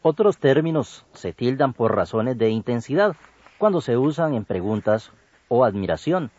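A man co-hosting an educational radio program, reading a grammar lesson slowly and deliberately. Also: expressive, darkish tone, dry recording. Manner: slow, deliberate, with wide swings in pitch. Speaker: co-host of a language program. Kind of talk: scripted educational radio narration. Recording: dull lo-fi broadcast audio.

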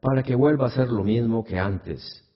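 Mysterious spirit voice by a man, slow and hushed, husky, lo-fi radio tale. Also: medium pitch, natural voice. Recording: dull lo-fi radio recording.

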